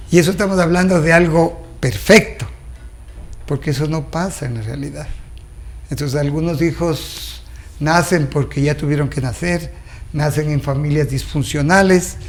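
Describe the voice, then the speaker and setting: A middle-aged man, a guest doctor on a TV interview, explaining in an earnest, didactic way and laying out his points one by one. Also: a little high.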